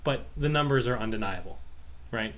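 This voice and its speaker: A man's voice: medium pitch, moderate pace, fairly bright tone. Argumentative man on a sports talk show. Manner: argumentative, plays devil's advocate. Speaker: co-host.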